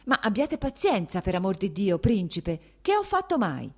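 A woman's voice: lowish voice, expressive, normal speed, a little mellow. A woman reading an audiobook, voicing an anxious older princess who pleads and protests, close to tears. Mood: pleading. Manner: pleading, nearly tearful.

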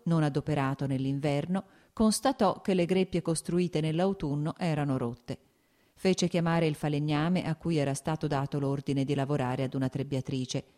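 A woman narrating a classic novel in a measured, even storytelling manner. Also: deep voice. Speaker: audiobook narrator. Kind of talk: scripted literary narration.

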